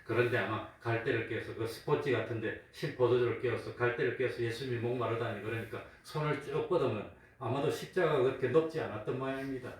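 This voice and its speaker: Echoey pastor preaching from afar. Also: male voice, medium pitch, fast talker, few pauses. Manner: asks the congregation questions and answers them himself; acts out the mockers in a raised, taunting voice. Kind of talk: sermon with call-and-response questions. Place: church sanctuary. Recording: very echoey room from a distance, faint hum.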